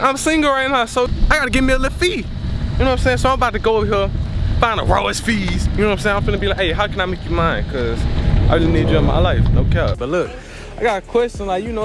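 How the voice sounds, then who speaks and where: A high-voiced, hyped young man hosts a street interview in a campus parking lot and films himself at arm's length. He talks fast in slang, keeps saying "you know what I'm saying", and music plays under the whole recording. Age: young adult. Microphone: handheld camera at arm's length.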